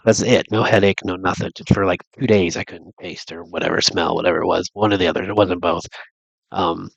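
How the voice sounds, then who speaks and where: A deep-voiced man with a gravelly edge talks through a loose, rambling monologue. His nose is stuffed up from a cold, and he circles his points with restarts and fillers. The sound is close and dry. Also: fairly even intonation, fairly quick, no echo, highs cut off. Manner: thinking aloud, many restarts and fillers. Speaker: vlogger.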